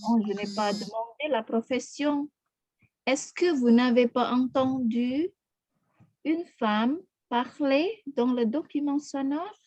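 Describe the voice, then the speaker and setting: A woman's voice: high voice, slow pace, mellow, no room sound. A woman teaching a French class, patiently repeating questions and correcting pronunciation. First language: Indonesian. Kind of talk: online language class.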